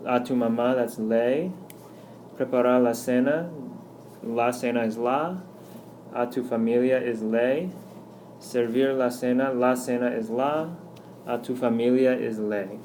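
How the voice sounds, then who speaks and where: Guy teaching over slides, patient, slows down on the examples, little bit of hiss behind. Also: mid-range voice, steady tone, darkish tone. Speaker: Spanish teacher. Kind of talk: recorded slideshow lesson.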